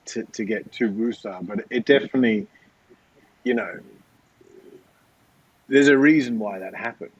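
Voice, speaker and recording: A man's voice: lowish voice, a little slow, long pauses, breathy edge, muffled recording. A male podcast host chats casually, repeating words and saying "you know" a lot. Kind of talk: casual interview chat.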